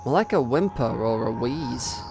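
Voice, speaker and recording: A man's voice: medium pitch, vocal fry, music in the background. Man reading a game dramatically. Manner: slow, expressive reading that rises into anxious cries. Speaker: streamer reading a visual novel aloud.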